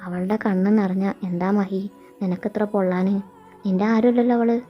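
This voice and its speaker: Brief: woman as a gentle, probing mother, lo-fi recording. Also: medium pitch, fairly even intonation, moderate pace, lightly acted. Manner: gentle, coaxing, soft-spoken. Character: caring, perceptive middle-aged mother. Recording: dull lo-fi sound. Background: faint background music.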